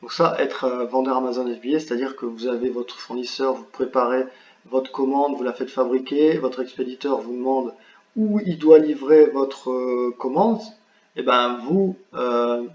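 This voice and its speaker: A man talks viewers through a software tool in a screen-share tutorial, halting often with fillers and restarts. His voice sits at a middle pitch. The recording sounds roomy and a bit dull. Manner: hesitant, many fillers and restarts; apologetic about his English pronunciation. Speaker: online business tutor.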